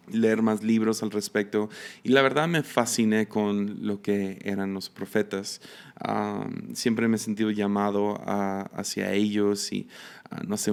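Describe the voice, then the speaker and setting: Speaking with vocal fry, a Mexican-accented man in his thirties hosts a podcast by himself; he is also a missionary. The voice sits lowish and comes across smooth. His manner is relaxed but hesitant, with plenty of fillers and restarts.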